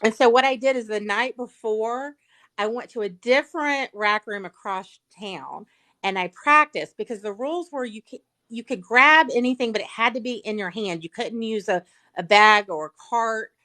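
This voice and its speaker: A woman's voice: fairly high pitch, normal speed, bright, forceful tone. A woman with a Southern US accent, telling a chatty story as a guest on a livestream. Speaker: paralegal and sweepstakes guest. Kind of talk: casual storytelling chat. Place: livestream video call.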